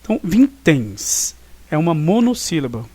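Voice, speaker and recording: Brazilian guy teaching a review class, kinda high voice, dry close mic, keeps saying né and tá. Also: big pitch swings, moderate pace, dark tone, slightly rough, no room sound. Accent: Brazilian Portuguese. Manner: explanatory, frequent "né?" and "tá?" check-ins. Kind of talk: recorded online class review.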